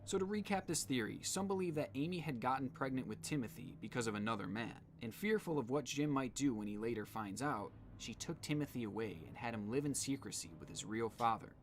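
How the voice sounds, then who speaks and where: A man's voice: mid-range voice, expressive, a little fast, hardly any pauses, slight background noise. A man giving scripted narration in the style of a true-crime video.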